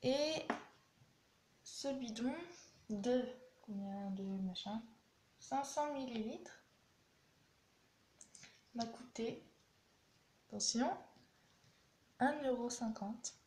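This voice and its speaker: Chatty young woman, slow and echoey. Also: on the high side. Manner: chatty, blunt, animated. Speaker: beauty vlogger. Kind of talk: casual product review. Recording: echoey room with faint noise.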